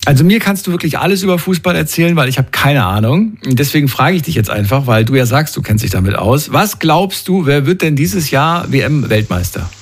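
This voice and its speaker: A man's voice: on the high side, animated, brisk, few pauses, slightly rough. A male interviewer asking playful, teasing questions in a casual chat.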